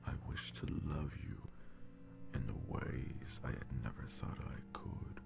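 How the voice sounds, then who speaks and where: In an intimate roleplay audio drama, a man voices a powerful male demon, a devoted and jealous lover bound to a sorcerer. His bass voice is exaggerated, a breathy, gravelly half-whisper, and his slow, formal speech uses archaic phrasing with a tender, earnest mood. Music plays behind him.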